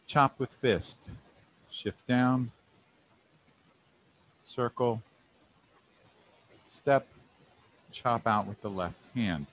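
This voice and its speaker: A man instructing tai chi, calling out each movement in short, calm, measured phrases. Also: medium pitch.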